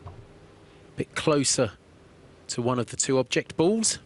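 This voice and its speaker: A man giving calm, explanatory play-by-play commentary on a billiards match. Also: medium pitch, a little slow. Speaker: sports commentator.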